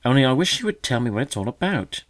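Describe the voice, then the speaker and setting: A man's voice: medium pitch, sing-song, fast, fairly bright tone, pitched above the performer's own voice. A man voicing a conceited older male magpie who mocks with fake solemnity, raised and pointed. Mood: mocking. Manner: sneering mock solemnity.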